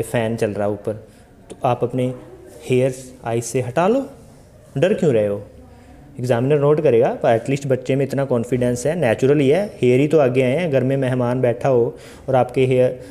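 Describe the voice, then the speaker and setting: A man's voice: mid-range voice, warm tone. A young man coaching IELTS speaking in a casual tutorial, chatty and full of rhetorical questions to the viewer. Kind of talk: casual Hindi tutorial monologue.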